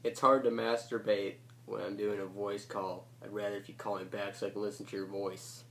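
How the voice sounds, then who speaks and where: A man hosts his own prank call video, talking casually and crudely with plenty of profanity in a lowish, gravelly voice. His pitch barely moves, the pace is fairly quick, and the tone fairly bright as he jokes and rambles. The homemade call recording is noisy.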